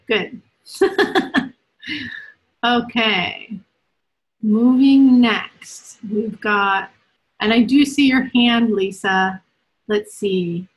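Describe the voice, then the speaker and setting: A woman hosts a live spiritual question-and-answer reading over a video call, talking at a medium pitch. She speaks in a loose, chatty way and giggles easily. She often tags her points with "right?" or "okay?". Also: gravelly, rough recording. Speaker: spiritual reader and host.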